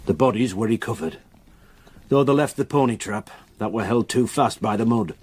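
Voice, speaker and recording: Playing a grave countryman who doesn't want to speak, the radio actor delivers his dark account haltingly and with solemnity. His pitch is fairly low with a breathy edge, and the feeling is haunted and ominous.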